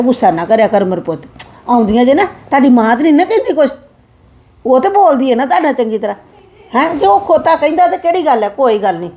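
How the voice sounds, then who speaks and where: A woman playing a fretful, fast-talking mother. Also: a little high, mellow. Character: worried middle-aged mother, soothing yet scolding. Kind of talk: family short-film acting.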